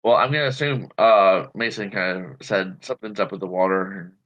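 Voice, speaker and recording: A man in a tabletop game who cuts in with quick, casual questions. His mic sounds dull and lo-fi. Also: low-pitched, fairly bright tone. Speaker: player.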